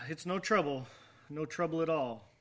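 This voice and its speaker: This is an actor as a younger man with a fairly high voice and a slow, measured delivery. He is proud and troubled, brooding in formal, dramatic language. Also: fairly bright tone. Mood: weary politeness. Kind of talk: dramatic acted monologue and dialogue.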